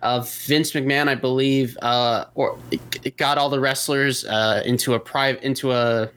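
A man co-hosting a podcast, talking casually and haltingly with many fillers. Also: mid-range voice, fairly even intonation, a bit bright, clean tone. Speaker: podcast co-host. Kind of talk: casual chat.

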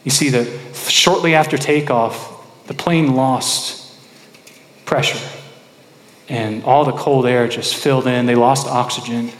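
A man's voice: medium pitch, fairly even intonation, slow. A man preaching a sermon, putting rhetorical questions to the congregation and repeating phrases for emphasis. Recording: echoey hall with long reverb.

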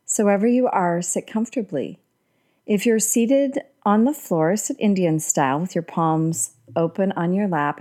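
A woman leading a guided breathing meditation in a calm, meditative, soothing tone. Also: on the low side. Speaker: podcast host and guided meditation leader.

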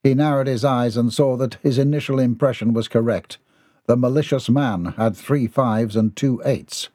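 A man narrating an audiobook in a measured, formal storytelling manner. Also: medium pitch, mellow, no echo, studio quality.

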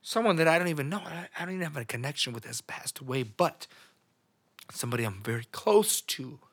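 Male podcast host, emotional off-the-cuff monologue, husky bright voice, halting delivery. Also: fairly high pitch, expressive. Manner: halting, repeats words, trails off. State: emotional, on the edge of tears. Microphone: studio microphone.

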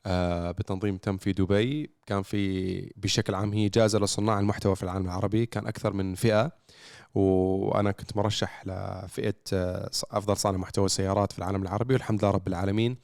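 Brief: male podcast co-host, Levantine accent, smooth clear voice, dry close sound, halting casual delivery. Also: deep voice, little pitch movement, darkish tone, dry recording. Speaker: car content creator and show co-host.

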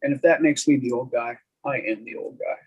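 A man's voice: medium pitch, a little fast, a little mellow, husky, rough recording. A middle-aged man co-hosting a podcast, chatting casually in a rambling, self-deprecating way with lots of fillers. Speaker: podcast co-host. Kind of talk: casual chat.

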